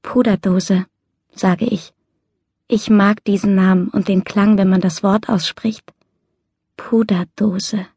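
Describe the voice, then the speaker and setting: A woman narrating a novel in the first person, in soft, measured storytelling. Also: mid-range voice, little pitch movement, dry recording, clean studio sound. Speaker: audiobook narrator.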